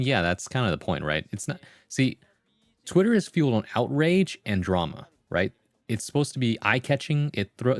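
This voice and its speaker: A man with a low voice hosts a livestream in a dry, close recording. He talks casually and slangily, moving between reading comments and answering them conversationally. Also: dry recording. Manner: slangy, conversational, full of "like" and "bro". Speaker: livestream host. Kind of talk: casual chat with viewers, reading comments aloud.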